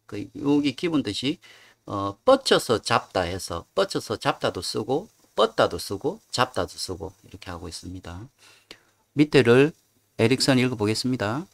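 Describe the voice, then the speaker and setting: Gravelly-voiced man teaching vocabulary. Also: on the low side, big pitch swings, normal speed. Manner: chatty, explains with filler words. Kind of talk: casual explanatory lecture.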